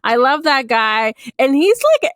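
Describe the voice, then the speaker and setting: A young woman hosts a podcast in a casual, animated chat, full of jokey asides and laughter. Her voice sits high and bright in pitch. The sound is close and dry, with no room around it. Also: measured pace, smooth, no echo. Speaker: podcast host.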